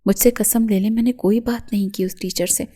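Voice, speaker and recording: Woman reading as a scared young girl begging and crying, stammery, warm soft voice, audio novel. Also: mid-range voice, steady tone, breathy edge, close to an everyday voice. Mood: tearful pleading. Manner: tearful, pleading, stammering. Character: frightened young woman student, pleading and sobbing.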